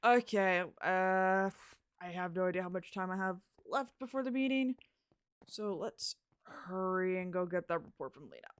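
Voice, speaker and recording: A woman's voice: on the low side, normal speed, smooth, dry recording. A woman narrating and playing a game role-play in a casual, chatty way, recorded on a close mic. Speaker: role-play storyteller and player.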